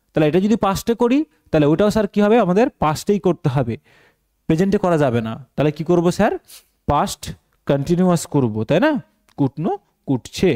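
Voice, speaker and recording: Male teacher, mellow and slightly high voice, quizzing students as he goes. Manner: explains step by step, asks the class questions and answers them himself. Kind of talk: translation lesson for exam students.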